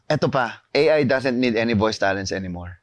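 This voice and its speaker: A man with a Filipino accent, an animated and emphatic voice actor guest chatting in an interview. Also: lowish voice, fairly quick, slight background noise. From Philippines. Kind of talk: casual interview chat, Tagalog-English mix.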